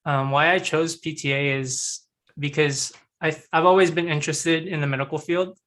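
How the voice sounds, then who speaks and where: Bright, higher-voiced man. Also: steady tone. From Philippines. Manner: measured, hesitant with fillers. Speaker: new student, military veteran.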